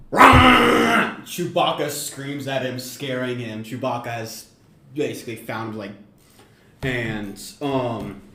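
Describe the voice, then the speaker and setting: A man co-hosting a podcast, pitching a story idea in a meandering, self-correcting casual chat. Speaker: podcast co-host. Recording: roomy echo, faint background noise.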